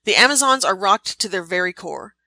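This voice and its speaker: Bright, crisp-voiced woman narrating a recap. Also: mid-range voice, animated, a little fast, no echo. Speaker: podcast host. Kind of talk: scripted narration.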